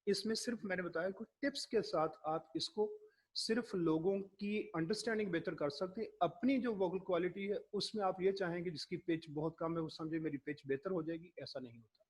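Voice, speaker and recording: A man giving a classroom lecture, explaining slowly and acting out his examples. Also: high-pitched, slightly rough.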